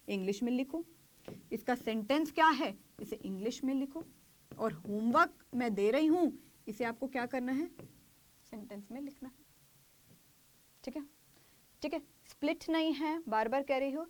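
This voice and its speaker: Woman, teacher, high voice, patient and repetitive, acts out small skits for students. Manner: explains in Hindi, repeats phrases slowly, acts out little skits. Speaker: English teacher. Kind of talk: online grammar lesson.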